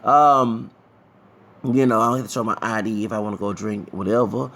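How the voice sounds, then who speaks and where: With a lowish but fairly bright voice and a steady tone, a Texan vlogger in his 30s rambles to his audience at a moderate pace. His commentary is loose and digressive, returning often to the same points.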